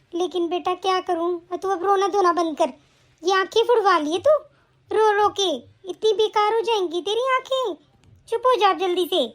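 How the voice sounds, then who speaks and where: Cartoon mother-in-law, fussing and affectionate, very high voice, a woman doing it. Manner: affectionate scolding, brisk instructions. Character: caring middle-aged mother-in-law, fussing and doting. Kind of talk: animated family story voice acting.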